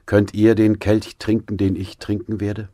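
A man reading the words of Jesus in a scripture audiobook, in a solemn, measured way. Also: lowish voice, little pitch movement, mellow, dry recording, studio quality, voice pushed up. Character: Jesus, calm authoritative male teacher.

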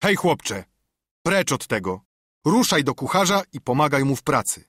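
A man's voice: mid-range voice, expressive, normal speed, sharp tone, dry recording, studio quality. A man reading an audiobook, voicing a stern, curt ship's captain who speaks in clipped commands.

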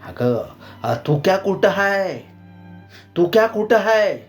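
A man voicing a frightened rustic village father who talks in rough village speech and calls out anxiously. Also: mid-range voice, expressive, takes it slowly, darkish tone, soft background music. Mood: panicked.

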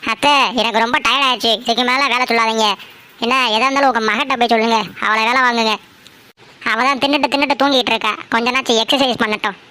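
A cheeky young daughter-in-law, played by a woman in a homemade cartoon, talks back in a high voice and argues at length. She pads everything with whiny excuses and a defiant edge. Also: steady tone, quick pace, sharp tone.

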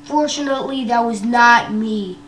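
A woman's voice: on the high side, normal speed, a bit bright. A young woman from Canada giving a casual vlog tour of her device, hesitant and full of ums and wells. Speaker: vlogger. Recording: roomy echo with faint hum.

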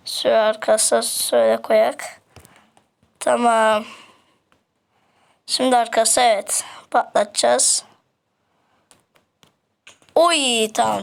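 High-voiced rowdy gamer woman. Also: gravelly. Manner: rowdy, scolds the game's monsters in slang. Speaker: gaming channel host. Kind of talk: excited gameplay commentary.

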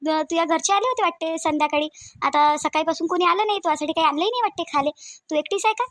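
A woman's voice: extremely high pitch, fast, fairly bright tone, no room sound. A woman voicing a kind, talkative older village woman with a Varhadi Marathi accent, coaxing and repeating herself in a cartoon. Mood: comforting. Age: middle-aged. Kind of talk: cartoon voice acting.

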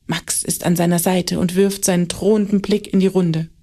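A woman reads a children's short story aloud at a calm, measured pace. Her voice sits fairly low for a woman. Her delivery is even and careful, like a bedtime read-aloud. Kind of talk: scripted children's story narration.

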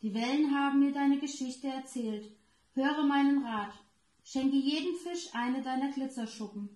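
A woman voicing a wise old male octopus in a children's storybook reading, speaking deep, slow and solemn. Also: a little mellow. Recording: roomy echo.

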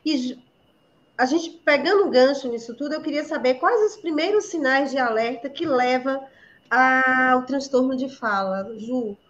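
Woman host, high voice, muffled audio. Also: normal speed. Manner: chatty, asks rambling questions. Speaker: host of a live interview. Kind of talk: casual live interview. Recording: dull lo-fi live stream audio.

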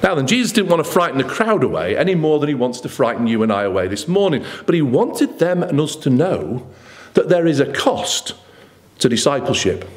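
A middle-aged man preaching a sermon at a lectern in a church, earnest and emphatic with rhetorical questions. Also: on the high side. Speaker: pastor. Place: church hall with red curtains. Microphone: lectern microphone.

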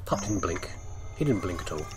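Speaking low and animated at an ordinary pace, a British man hosts a let's play with casual, playful commentary. He talks to the character, poses questions to himself and reads on-screen text aloud, with slight background noise behind him.

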